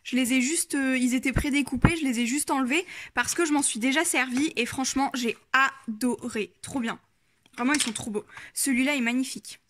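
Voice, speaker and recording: A woman's voice: high-pitched, fairly quick. A woman hosting a crafting vlog, chatting casually and hesitating often with fillers.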